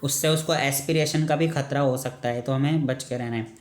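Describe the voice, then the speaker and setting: A man giving an exam-prep medical lecture. He asks each question, answers it, then repeats it to drill it in, closing points with a quick check. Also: medium pitch, fairly even intonation, echoey room. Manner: ends points with a checking "ठीक है".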